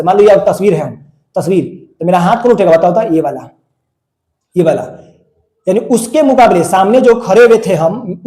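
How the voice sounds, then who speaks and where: A man with a Bihari accent gives a classroom physics lesson, his voice high yet mellow in tone. He drills each point over and over, asking questions and answering them himself. The sound carries the echo of a bare room. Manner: repetitive, questioning students then answering himself. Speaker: physics teacher. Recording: echoey room.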